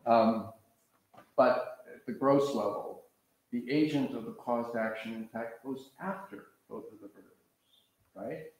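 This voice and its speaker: An older American man from the Pacific Coast, a professor leading a master class, paces before a seated audience in a large lecture hall. His medium-pitched voice moves at a slow pace, and his lecture is conversational and digressive, picked up by a far camera.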